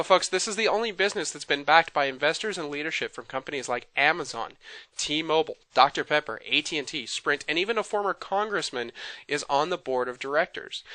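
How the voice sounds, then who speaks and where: A man presenting an enthusiastic sales webinar, talking fast out of excitement and addressing the audience as folks. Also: fairly high pitch, no echo.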